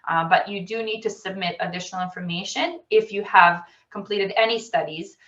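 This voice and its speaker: Presenting a webinar by video call, a woman who works in admissions lays out the rules methodically, with plenty of ums. She speaks briskly in a medium-pitched, a bit bright voice. The audio sounds roomy, distant and dull.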